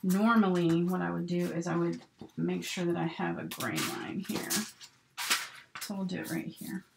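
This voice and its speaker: A middle-aged woman with a slightly low, creaky voice hosts a casual how-to stream. She chats her way through each step as she works with her hands. The recording has faint noise, with paper rustling and clicks at her work table. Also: moderate pace. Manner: chatty, talks herself through each step while working with her hands. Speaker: sewing instructor hosting a live stream. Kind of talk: casual hands-on tutorial talk. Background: paper rustling, clicks, steady noise.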